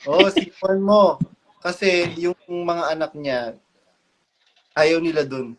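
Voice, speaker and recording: A man hosting a casual live-stream chat, relaxed and asking questions. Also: on the high side, slow.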